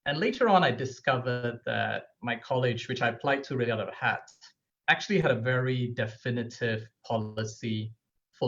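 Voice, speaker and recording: A man's voice: medium pitch, a bit bright. A man in his fifties from Singapore, speaking as a panelist in a chatty, conversational way, with many ums and restarts. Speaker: bank treasurer, panelist. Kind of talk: personal remarks on a video call. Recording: lo-fi video call audio.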